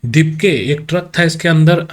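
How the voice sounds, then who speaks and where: A man delivers casual reaction commentary to his viewers in a slightly high voice. He is blunt and argumentative, addressing his audience directly as he argues his point. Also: little pitch movement, normal speed. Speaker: video commentator.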